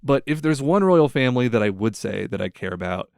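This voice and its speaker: A man's voice: mid-range voice, lively intonation, a little fast, gravelly, a little mellow, clean tone, no room sound, clean studio sound. A young man hosting a podcast, telling stories in a rambling, casual way full of "like" and other fillers. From United States. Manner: rambling storyteller, filler-heavy, lots of "like". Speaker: podcast host. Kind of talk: casual chat.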